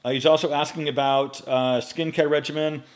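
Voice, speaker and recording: A man's voice: on the high side, moderate pace. Chatty man in his late forties. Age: 40s. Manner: relaxed, chatty, with many fillers and restarts. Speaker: men's style YouTuber. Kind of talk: casual Q&A vlog. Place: indoor home studio. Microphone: microphone in front of him.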